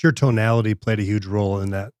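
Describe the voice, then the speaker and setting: A man's voice: fairly low pitch, fairly even intonation, fast, darkish tone, smooth, no echo, studio quality. A man hosting a podcast, chatting casually and putting questions and remarks to his guest. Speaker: podcast host. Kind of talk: casual interview chat.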